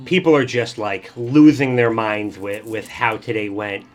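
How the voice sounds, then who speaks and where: A man's voice: lowish voice, fairly even intonation, measured pace. Man casually narrating a tabletop game. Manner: casual, conversational storytelling. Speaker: game master.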